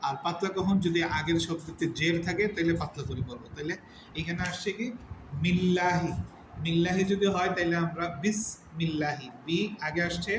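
A man teaching a religious lesson step by step, repeating each term and stretching out recited words slowly. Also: fairly high pitch. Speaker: Quran teacher. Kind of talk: religious lesson on word meanings and recitation rules. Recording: echoey room with steady background noise.

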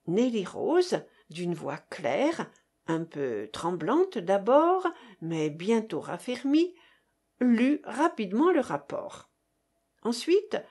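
A woman reading a classic novel aloud in a measured, expressive way. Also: a little high. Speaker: audiobook reader. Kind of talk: scripted narration.

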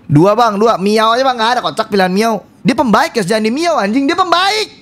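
A man streaming a horror game, talking loudly and rowdily to his chat and swearing often. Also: very high-pitched, expressive, a little fast. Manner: loud, rowdy, swearing, addresses chat constantly. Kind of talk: live-stream gameplay commentary.

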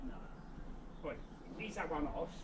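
A man's voice: fairly high pitch, expressive, a little slow. A middle-aged man working outdoors, giving casual, encouraging instructions to helpers and often calling them mate. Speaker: builder directing helpers. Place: outdoors in a back garden. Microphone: camera several metres away. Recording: distant camera mic, loud noise, clicks.

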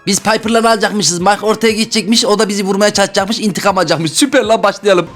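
A man giving excitable gameplay commentary as a YouTuber, often exclaiming and yelling. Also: high-pitched, fast talker, faint music behind. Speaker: gaming YouTuber.

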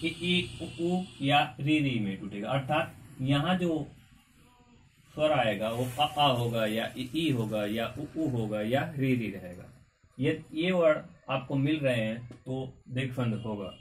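A man teaching a grammar lesson in a coaching class, slowly repeating words and asking the class questions. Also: mid-range voice, lively intonation. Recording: far from mic with faint background noise.

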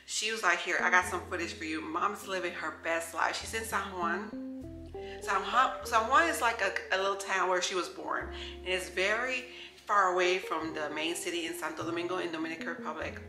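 A woman's voice: lowish voice, brisk. A woman in her thirties from New York, chatting casually to camera in her home kitchen as a lifestyle vlogger, upbeat and talking straight to her viewers. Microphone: camera close on the counter. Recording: echoey kitchen with faint music.

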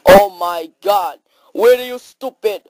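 A woman's voice: mid-range voice, slow, a little mellow, dry recording, rough recording. A woman acting out an improvised comedy skit in broken English, full of exclamations and sudden switches of voice.

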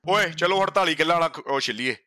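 Boisterous Punjabi man streaming, high bright voice. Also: fast, dry recording, clean studio sound. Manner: boisterous, slangy banter with swearing. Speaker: game livestream host. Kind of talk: casual gameplay livestream chat.

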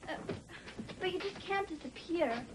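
A woman's voice: extremely high pitch, lively intonation, normal speed. An actress playing a loyal, wisecracking teenage sister with an American accent and a girlish voice in a sitcom. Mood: concerned. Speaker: actor. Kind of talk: sitcom acting. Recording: noisy 1980s TV soundtrack.

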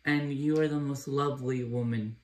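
An actor playing a gentle, old-fashioned blind man on a date in a comedy sketch. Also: medium pitch, steady tone, normal speed, far from the mic, lightly acted. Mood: smitten. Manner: earnest, old-fashioned courtesy.

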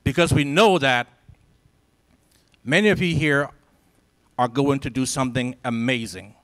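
A mid-range, slightly bright voice, a little slow, belongs to a Liberian man in his forties addressing students as a symposium speaker. In a large lecture hall and holding a handheld mic, he gives a rousing motivational speech in a preacher's cadence packed with emphatic repetition.

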